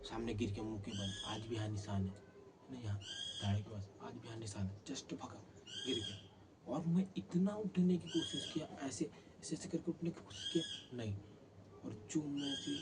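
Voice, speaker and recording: A male vlogger telling a ghost story in an animated way, acting out sounds and scenes. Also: mid-range voice. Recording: noisy background.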